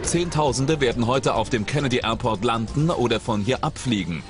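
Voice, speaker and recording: A man with a mid-pitched voice narrates a documentary in a measured, suspenseful tone, his scripted voice-over recorded cleanly in a studio. Dramatic music plays clearly underneath.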